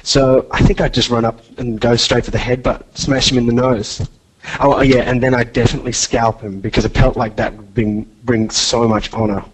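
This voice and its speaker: A man doing a cocky Australian ninja braggart, husky-voiced. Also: mid-range voice, level tone, moderate pace, close to an everyday voice, poor audio. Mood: boastful. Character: boastful masked male ninja fan, cocky. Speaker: interview guest. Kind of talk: comic podcast character interview.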